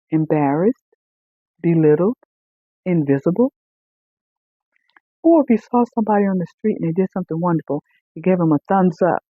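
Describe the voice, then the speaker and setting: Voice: mid-range voice, breathy edge, dry recording. Preacher on a tinny line. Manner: repeats key phrases slowly for emphasis. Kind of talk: sermon-style teaching. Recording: tinny phone-like sound.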